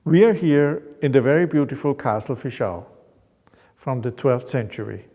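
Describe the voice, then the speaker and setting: A man, calmly narrating his life as a painter in English. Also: medium pitch, normal speed, breathy edge, long reverb tail. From Austria. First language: German. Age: 50s. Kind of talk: reflective personal narration.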